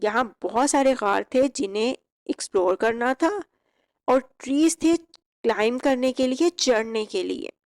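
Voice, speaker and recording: A young woman teaching English vocabulary. She reads each example sentence slowly and clearly, then explains it. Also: fairly high pitch, darkish tone, dry recording. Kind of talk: vocabulary lesson.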